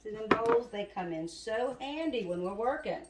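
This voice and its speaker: A woman's voice: on the high side, expressive, normal speed, heavy background noise. Chatty woman cooking in a kitchen. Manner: chatty, talks to viewers as y'all. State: a bit out of breath. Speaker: home cooking video host. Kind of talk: casual cooking demonstration. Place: home kitchen. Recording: roomy kitchen with loud clatter. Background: chopping and clattering dishes.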